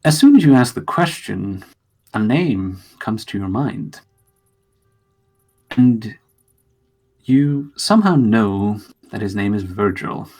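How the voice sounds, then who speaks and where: A man narrating a tabletop role-play game as game master, telling the story deliberately with dramatic, halting pauses. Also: lowish voice, lively intonation, a little mellow.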